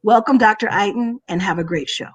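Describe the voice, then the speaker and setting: A woman moderator reading a formal, measured introduction of a guest. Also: mid-range voice. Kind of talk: scripted introduction.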